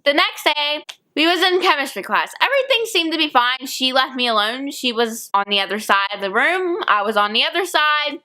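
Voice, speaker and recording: A woman's voice: high-pitched, moderate pace. A young woman telling a storytime vlog, acting out what people said as she goes. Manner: animated retelling with acted-out quotes. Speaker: vlogger.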